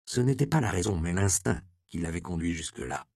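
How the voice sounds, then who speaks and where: A man narrating a historical novel in a steady, measured reading. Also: low-pitched, vocal fry, no echo, clean studio sound. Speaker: audiobook narrator. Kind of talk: scripted narration.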